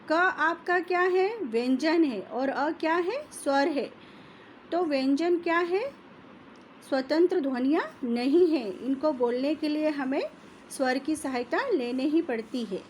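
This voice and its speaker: A woman teacher giving a classroom language lesson, speaking slowly and carefully and repeating each sound so pupils can copy it. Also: high voice, darkish tone, slight background noise. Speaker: Hindi teacher.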